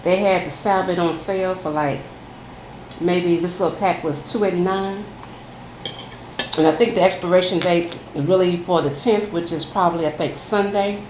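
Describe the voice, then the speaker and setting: A woman's voice: lowish voice, fairly even intonation, moderate pace. A woman food vlogger chatting casually to viewers over a meal in a folksy way, saying y'all. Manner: folksy, addresses listeners as y'all. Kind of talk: casual chatty mukbang, talking to viewers while eating. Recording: echoey room, faint background noise.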